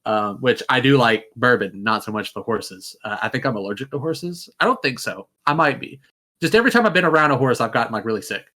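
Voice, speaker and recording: A man's voice: mid-range voice, expressive, fast, bright, forceful tone. A man with a Kentucky accent, chatting casually, often laughing and stammering as he starts his sentences. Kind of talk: casual chat.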